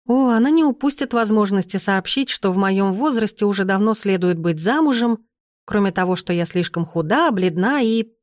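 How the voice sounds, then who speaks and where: A woman's voice: medium pitch, animated, moderate pace, no echo, studio quality, lightly acted. A woman voicing a young noble lady, gloomy and reluctant, with a pleading tone.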